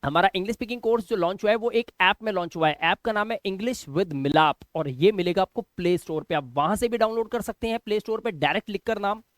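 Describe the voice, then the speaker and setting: A man with a high, bright voice teaches pronunciation word by word, stressing and repeating each sound. His delivery is emphatic and patient. The recording is close and dry, with no room sound. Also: fast talker, few pauses, no echo. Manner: persuasive course pitch. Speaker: English teacher. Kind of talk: Hindi-language phonics lesson.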